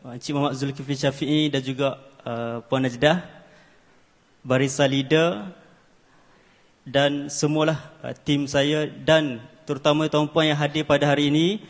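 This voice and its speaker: A man in his twenties gives an earnest, formal speech on stage at an award ceremony, hesitating with many fillers. His voice is a little high, steady and measured. The large ceremony hall adds reverb to the recording.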